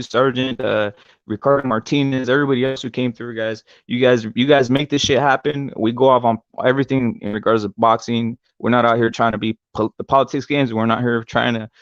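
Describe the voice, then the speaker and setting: A man's voice: mid-range voice, no room sound. A man hosting a casual, profane talk stream, talking like a brash frat bro in slangy, swear-heavy bursts. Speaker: host of a boxing talk show. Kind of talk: casual profane live panel chat. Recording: dull lo-fi streamed audio.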